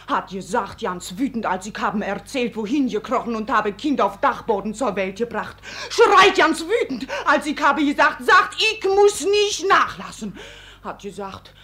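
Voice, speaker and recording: A woman's voice: a little high, a bit bright. An actress playing a desperate, tearful young servant girl who speaks broken German, in 1950s radio play style. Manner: broken German, pleading then defiant.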